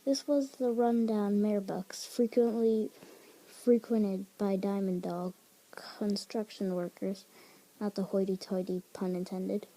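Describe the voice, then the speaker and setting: A woman's voice: mid-range voice, fairly even intonation, unhurried, warm tone, low-quality recording. A woman reading a fan fiction story aloud in an informal way, stopping to correct her own slips.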